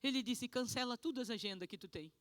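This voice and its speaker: A woman pastor voicing God as a gentle, fatherly figure, softly and tenderly. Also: a little high, fast talker, no room sound, lightly acted. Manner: soft, tender, quieter. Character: gentle fatherly God speaking to his daughter.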